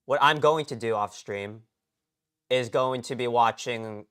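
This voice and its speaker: On a late-night live stream, a man with a smooth, slightly bright, mid-range voice rambles in slang at a measured pace, often cutting himself off mid-sentence.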